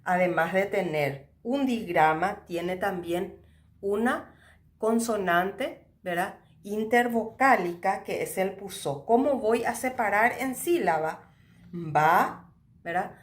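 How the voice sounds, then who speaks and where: A woman teacher giving a language lesson, speaking slowly and deliberately at a middling pitch. She explains step by step and checks in with short questions. The room around her is echoey. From Paraguay.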